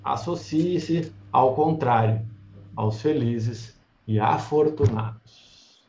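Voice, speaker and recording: A man with a gravelly, creaky voice hosts a live book club chat. He sounds relaxed and chatty and reads passages at a slow, deliberate pace. The sound is roomy and a little muffled, as if from a lo-fi setup. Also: medium pitch, a little hiss or hum. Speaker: host of an online book club. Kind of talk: casual live-stream chat.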